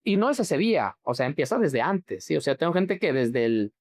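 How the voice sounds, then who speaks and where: A man's voice: fairly high pitch, very animated, moderate pace, darkish tone. Mexican man explaining grief therapy. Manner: explanatory, checks understanding often. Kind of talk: interview answers.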